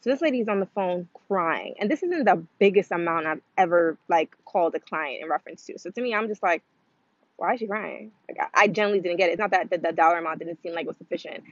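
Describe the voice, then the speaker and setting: A woman's voice: fairly low pitch, fast, hardly any pauses, no echo. A woman talking casually to the camera in a vlog, rambling with lots of fillers like "um" and "like" and acting out quoted voices. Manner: rambling, filler-heavy, chatty with frequent "um" and "like"; acts out quoted voices in a livelier tone. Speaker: vlogger sharing her trading story. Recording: slightly dull lo-fi audio.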